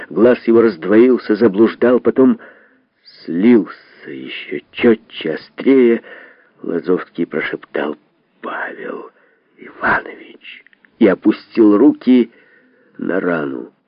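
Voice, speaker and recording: Slow, deliberate male literary reader. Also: on the low side, no room sound. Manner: measured, deliberate reading with dramatic pauses. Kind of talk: literary reading. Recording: dull lo-fi dry sound.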